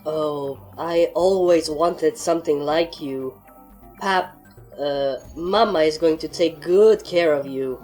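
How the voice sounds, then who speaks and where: A woman voicing an excitable, gun-loving female pony soldier in a fan story reading, high and whiny when excited. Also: unhurried, faint music behind, close to an everyday voice. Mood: gentle.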